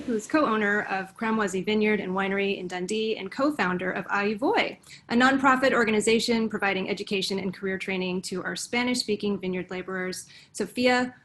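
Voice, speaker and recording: A woman's voice: mid-range voice, fairly even intonation, moderate pace. A woman moderating a virtual panel, introducing each guest in an upbeat way.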